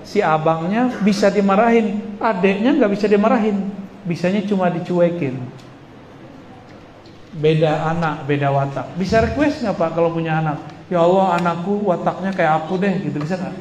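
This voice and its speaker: A man's voice: high voice, moderate pace, darkish tone, slight background noise. A male Islamic preacher giving a religious lecture in a conversational way, asking his audience questions and joking with them. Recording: echoey hall with long reverb.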